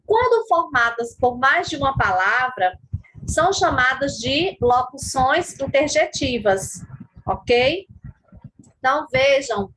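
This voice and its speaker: A woman's voice: sits high, animated, slow pace, fairly bright tone, slight background noise, low-quality recording. A woman with a Brazilian Portuguese accent, teaching a recorded grammar lesson, explaining patiently step by step and often checking in with her students.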